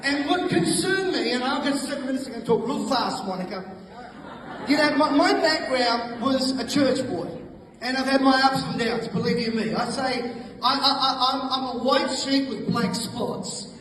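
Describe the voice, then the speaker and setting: Fired-up aussie guy ranting at a rally, really high voice, big echoey hall, mic far off. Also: background noise. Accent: Australian. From Australia. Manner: fiery, rapid, stammering restarts. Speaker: rally speaker. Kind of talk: impassioned rally speech. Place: large hall, heard from afar.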